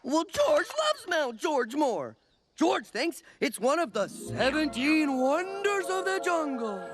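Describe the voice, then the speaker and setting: Cheerful dim-witted cartoon jungle hero, childlike, very slow delivery, swooping pitch, music underneath. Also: male voice, sing-song, heavily acted. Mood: proud, goofy. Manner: childlike, speaks of himself in third person. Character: dim-witted, cheerful, strong jungle vine-swinging man. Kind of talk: exaggerated kids' cartoon acting. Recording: loud cartoon music behind the voice.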